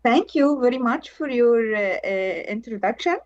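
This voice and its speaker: A woman from Egypt, presenting over a video call and reading a prepared conference paper slowly and carefully. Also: on the high side, expressive, dry recording. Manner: slow, careful, measured delivery. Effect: heard over a video call. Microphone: remote computer mic on a video call. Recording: dull, dry video call audio.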